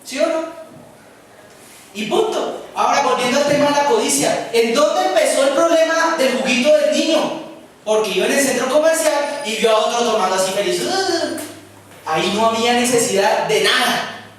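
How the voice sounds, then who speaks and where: A man with an extremely high-pitched, slightly bright voice preaches a sermon at normal speed in a church. He speaks conversationally and puts questions to the congregation, recorded from far off in an echoey space.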